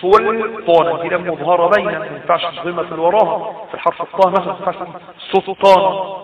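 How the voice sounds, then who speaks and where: A man with an Egyptian accent delivers a recitation lesson at a brisk clip, his voice sitting somewhat high. He explains patiently, repeating points and posing questions to his listeners. The sound is thin and phone-like, echoing in a room and set well back from the mic. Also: fairly even intonation. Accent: Egyptian Arabic. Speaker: Quran recitation teacher. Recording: tinny phone-like sound, roomy and distant from the mic.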